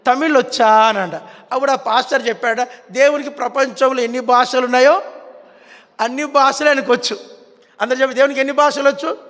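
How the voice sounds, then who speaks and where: A male preacher with a Telugu accent and a very high voice, leading a sermon and getting his listeners to call out words after him. His voice rings with the long reverb of a big hall. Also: fairly even intonation, a little fast, fairly bright tone. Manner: coaxing the congregation to repeat words after him.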